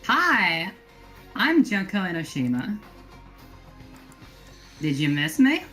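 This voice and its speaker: A woman's voice: medium pitch, sing-song, slow, bright, forceful tone, faint music behind, pitched above the performer's own voice, exaggerated voice. A woman voicing a gleeful, theatrical young female villain mastermind, mocking and dramatic in an online role-play. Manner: mocking, sing-song, dramatic.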